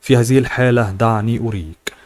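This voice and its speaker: A man voicing a calm, proud young hero in an audiobook. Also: medium pitch, quick pace, dry recording, close to an everyday voice.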